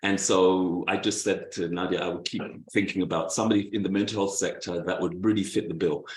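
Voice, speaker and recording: A man's voice: low voice, fairly even intonation, fairly quick, roomy sound, a little hiss or hum, low-quality recording. A man, a bit out of breath, introducing a guest speaker in a chatty way over a video call. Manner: chatty, laughs easily, restarts phrases.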